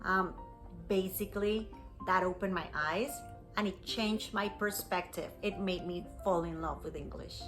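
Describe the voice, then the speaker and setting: An English teacher who is a native Spanish speaker from Costa Rica recounts a personal story for learners in a Costa Rican accent, clearly worded and encouraging. Her voice is lowish and her pace measured, with music in the background.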